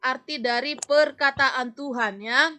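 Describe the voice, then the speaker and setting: Woman teacher, high bright voice, lively scolding classroom manner, video-call sound. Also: slow pace. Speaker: religion teacher. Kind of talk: online class lesson.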